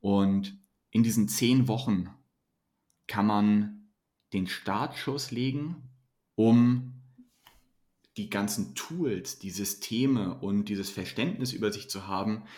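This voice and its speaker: A male coach speaks in a fairly low voice. He answers interview questions earnestly, pushing motivation and self-development. He often repeats or restarts words as he builds his point. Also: slow, a little mellow. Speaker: mentoring coach.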